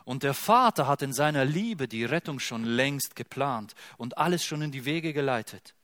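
A man preaching a sermon with emphasis, swinging between loud urgent bursts and hushed, repeated phrases. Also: mid-range voice, expressive, moderate pace, dry recording, studio quality.

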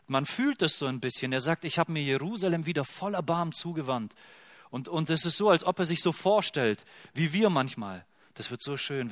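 A man preaching a sermon with emphasis, swinging between loud urgent bursts and hushed, repeated phrases. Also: on the high side, dry recording.

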